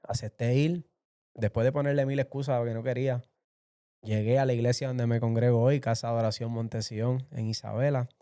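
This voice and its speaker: A man's voice: medium pitch, steady tone, fairly quick, mellow, smooth. A man telling his personal faith testimony as an interview guest, storytelling vividly and acting out the voices he quotes.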